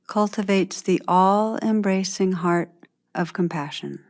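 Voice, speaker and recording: A woman with a medium-pitched voice leads a guided meditation. She speaks gently and without hurry, leaving long pauses between phrases.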